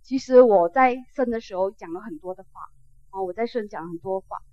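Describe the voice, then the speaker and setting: A woman voicing a gentle, dying old male teacher who speaks soothingly and reassures his disciples. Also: medium pitch, brisk, dry recording, natural voice. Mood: reassuring. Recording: dull, dry lo-fi recording.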